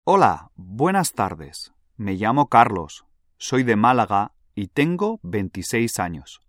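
A man playing a friendly twenty-six-year-old in a scripted language-exam dialogue, speaking slowly and clearly. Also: fairly low pitch, very animated, a bit bright, dry recording, clean studio sound, exaggerated voice. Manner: slow, clearly spaced delivery.

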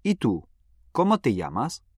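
An actor playing Pedro, a cheerful, friendly young man of twenty-one, in a scripted exam dialogue, speaking clearly and carefully. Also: mid-range voice, wildly swooping pitch, dry recording, full character voice. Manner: clear, careful delivery, numbers read slowly. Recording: dry studio recording.

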